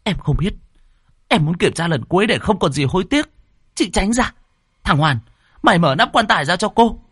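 A man voicing a stubborn grieving aunt who shouts orders in a high strained voice. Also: expressive, normal speed, slightly rough, no echo, studio quality, exaggerated voice. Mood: defiant, commanding.

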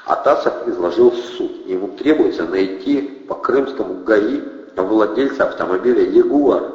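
A man narrating an audiobook with an expressive delivery. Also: lowish voice. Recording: echoey reverberant dull lo-fi.

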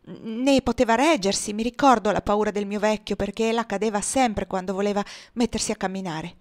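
A woman voicing a talkative aging house cook, devoted and emotional, in a lively exclaiming way. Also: mid-range voice, a little fast, lightly acted. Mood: eager.

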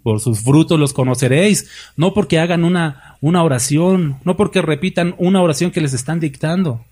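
A middle-aged man with a Mexican Spanish accent preaches with fervor, his voice slightly husky and pitched a bit high. He keeps asking his listeners rhetorical questions and acts out short quotes as he builds his points. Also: moderate pace, a little mellow. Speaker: pastor. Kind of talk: sermon.

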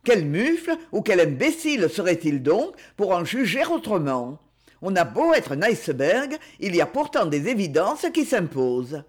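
An impetuous, gallant young man in a storybook, declaiming with a lively, swinging pitch. A reader puts him on with little change from the narrating voice. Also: normal speed. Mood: indignant.

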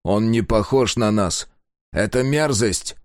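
A man voicing a grim, restrained young male warrior who speaks slowly and quietly. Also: dry recording, studio quality. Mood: cold. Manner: slow, low, restrained.

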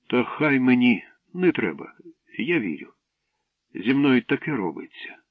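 A man's voice: mid-range voice, big pitch swings, measured pace, dry recording, far from the mic, voice pushed up. A man reading aloud, voicing an earnest, secretive village boy. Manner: earnest, a little weary. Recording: dry tinny radio broadcast.

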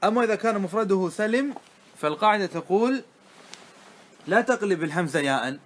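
A man teaching a classroom grammar lesson, often asking his students questions to check they follow, and drawing out words slowly to spell out their forms. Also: sits high, expressive. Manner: checks understanding with frequent questions.

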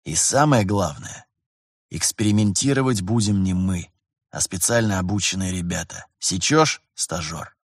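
Guy reading an old-hand pilot, folksy, mocking, lecturing the rookie, dry raspy voice. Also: deep voice, normal speed, no echo, pitched below the performer's own voice. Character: seasoned male pilot master, mocking, blunt.

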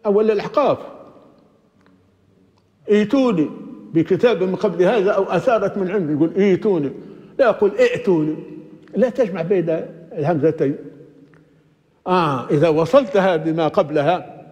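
A man's voice: high voice, a little fast, pauses often, a little mellow. An older man, a sheikh, teaching a classroom grammar lesson, patiently asking and answering his own questions and repeating words as he thinks. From Libya. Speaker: sheikh teaching Quranic exegesis. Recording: dull lo-fi recording with long hall reverb.

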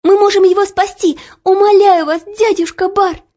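A woman's voice: very high-pitched, fairly even intonation, dark tone, voice pushed up. A woman doing an eager pleading young girl. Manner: pleading, rushed. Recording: dull lo-fi audiobook recording.

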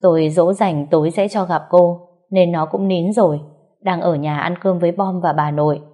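A woman's voice: fairly low pitch, steady tone, normal speed, mellow, close to an everyday voice. A woman voicing an impatient, curt man in a spoken story. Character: impatient man, boy's father.

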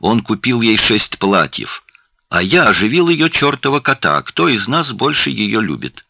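A man's voice: deep voice, sing-song, moderate pace, pushed and bright, dry recording, highs cut off, heavily acted. A man reading an audiobook, voicing a tired, short-tempered young father who keeps his tone guarded. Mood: tense. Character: weary, irritable young father and doctor.

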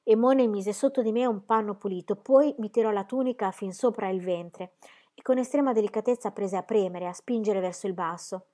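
A woman reading a historical novel aloud as a first-person audiobook narration, soft and measured. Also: mid-range voice.

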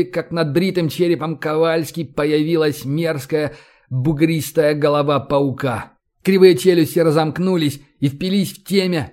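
Man reading an audiobook, slightly high voice. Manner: steady, measured reading. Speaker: audiobook narrator. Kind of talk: audiobook narration.

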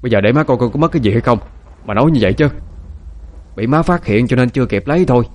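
A man voicing an irritated young husband who speaks loudly and defensively. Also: medium pitch, animated, quick pace, lightly acted. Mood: annoyed. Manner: loud, defensive.

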